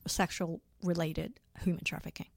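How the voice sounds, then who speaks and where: Woman from Hong Kong, forties, interview guest, hesitant, fillers, lowish voice, dry sound. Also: flat delivery, normal speed, vocal fry, no room sound. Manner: hesitant, many fillers and restarts. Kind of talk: casual interview conversation.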